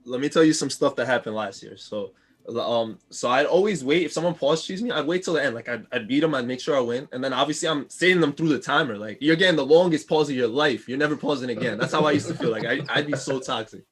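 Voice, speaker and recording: A man co-hosting a casual gaming podcast, laid-back and laughing, getting animated as he rants. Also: mid-range voice, quick pace, husky. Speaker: podcast co-host.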